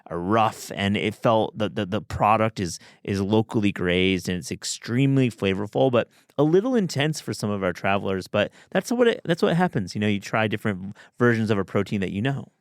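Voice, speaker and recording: A man's voice: fairly low pitch, lively intonation, brisk, few pauses, no room sound, studio quality. A man hosting a podcast, talking in an enthusiastic, chatty way with many restarts. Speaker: podcast host. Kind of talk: casual chat.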